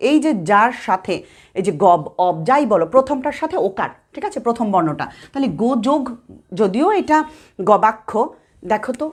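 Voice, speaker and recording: A young woman with a Bangladeshi Bengali accent, teaching an exam-prep grammar lesson step by step and repeating sounds aloud with frequent check-ins. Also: medium pitch.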